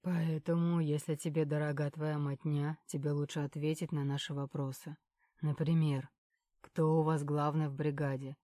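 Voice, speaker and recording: A calm male security man questions a prisoner with cold, measured menace, voiced by a woman reading the story. His voice runs low and dark. There is no room sound around it. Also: dry recording, natural voice.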